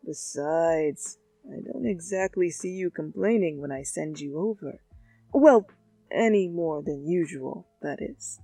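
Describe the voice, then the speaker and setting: A calm, knowing old tea-shop uncle performed by a woman reader speaks slowly and softly with a teasing edge. The delivery is measured and close, over light music in a fan fiction story. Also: low voice, no echo, voice pushed down, heavily acted. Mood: sly teasing.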